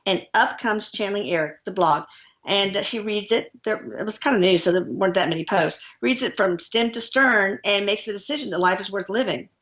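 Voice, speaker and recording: A woman's voice: mid-range voice, a little fast, a bit bright. A woman speaking as a guest author, telling stories enthusiastically in casual chat with frequent fillers.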